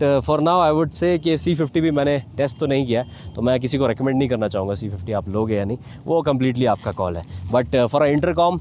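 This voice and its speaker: In a noisy outdoor recording from a mountain valley, an Indian man with a medium-pitched, darkish voice reviews something for viewers in a casual, explanatory motovlogger manner, mixing English phrases into his speech.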